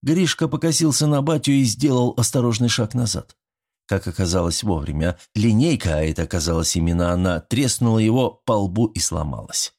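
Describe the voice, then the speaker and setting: A man narrating a first-person audiobook in a lively, expressive way. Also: fairly low pitch, brisk.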